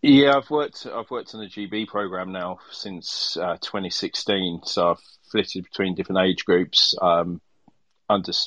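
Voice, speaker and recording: A man's voice: sits low, fairly bright tone, dry recording, highs cut off. A man chatting casually about sport as a podcast guest and coach.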